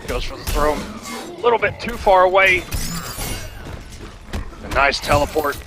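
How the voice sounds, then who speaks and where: A man's voice: a little high, animated, unhurried, over music. A man doing live fighting game commentary in a casual, enthusiastic, slangy manner. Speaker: esports commentator.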